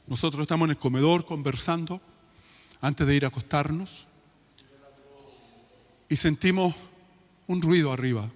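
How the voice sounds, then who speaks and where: A man's voice: fairly high pitch, normal speed, pauses often. A man with a Chilean accent preaching a sermon, telling a family story and then pleading with passion. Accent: Chilean Spanish. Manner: storytelling, rising to impassioned pleading. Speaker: pastor. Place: church. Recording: reverberant church hall with music.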